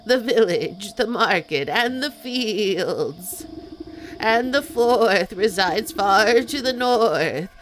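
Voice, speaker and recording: A woman putting on a goat voice for a grand, sly spirit companion, reading game dialogue in a drawn-out theatrical way. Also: mid-range voice, animated, slight background noise, rough recording. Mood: grand, pleased. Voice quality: put-on goat voice. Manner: slow, drawn-out, theatrical delivery. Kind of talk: video game dialogue read aloud.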